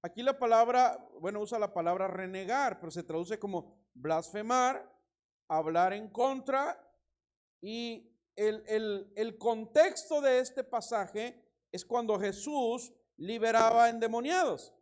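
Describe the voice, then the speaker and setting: A man preaching a sermon as pastor, reading scripture and telling anecdotes with lively emphasis and a Mexican Spanish accent. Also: sits high, slow. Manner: animated preaching, reads scripture, tells anecdotes with laughter.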